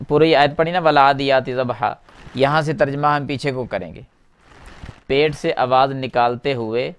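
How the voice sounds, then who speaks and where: Clear-voiced man teaching from a whiteboard. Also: medium pitch. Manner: asks the class questions and answers them himself, repeating key words. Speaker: Quran teacher. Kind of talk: classroom explanation at a whiteboard.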